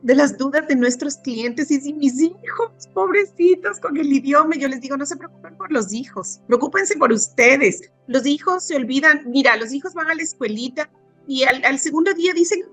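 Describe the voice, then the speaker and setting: A woman in her forties hosts an interview in a lively, chatty way. Her voice sits high and sounds bright. Soft music runs faintly underneath. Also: normal speed. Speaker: immigration consultant host. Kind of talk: casual interview chat.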